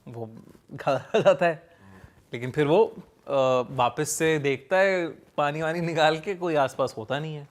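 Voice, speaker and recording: A man casually telling a ghost story, pausing with fillers as he builds suspense. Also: a little high. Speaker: storyteller guest.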